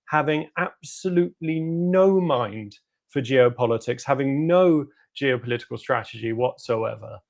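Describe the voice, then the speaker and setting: Man, gravelly voice, guest analyst, sardonic, analytical, political interview. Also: mid-range voice, moderate pace.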